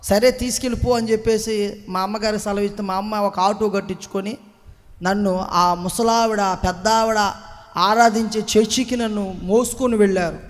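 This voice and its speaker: High-voiced man preaching in an echoey hall. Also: steady tone, moderate pace. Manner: impassioned, swinging from hushed recollection to loud exclamations; calls the congregation to clap and say amen. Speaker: preacher giving a personal testimony. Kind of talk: testimony sermon to a congregation. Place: church hall.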